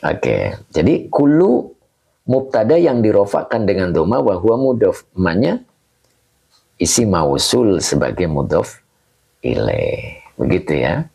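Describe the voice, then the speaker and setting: Slow, gravelly male religious teacher. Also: sits low, huge pitch swings, warm tone. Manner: patient, repeats each term and asks questions back. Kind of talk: slow kitab reading and grammar lesson.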